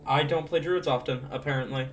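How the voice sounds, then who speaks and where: A game master improvising narration for a tabletop role-playing game, halting and thinking aloud. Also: medium pitch, fairly even intonation. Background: faint guitar music.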